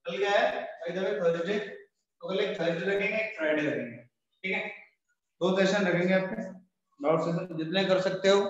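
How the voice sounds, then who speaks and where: A man's voice: high voice, fairly even intonation, normal speed. A man teaching a maths class and giving instructions to his students, often checking in with "okay". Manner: instructive, repeats "ठीक है" often. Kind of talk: online class wrap-up. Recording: echoey, dull, lo-fi hall sound.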